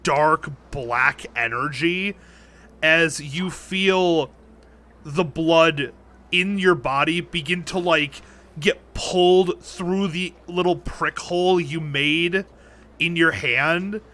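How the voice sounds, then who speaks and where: Man running a tabletop game, bright. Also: a little high. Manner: halting, many restarts. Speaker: dungeon master.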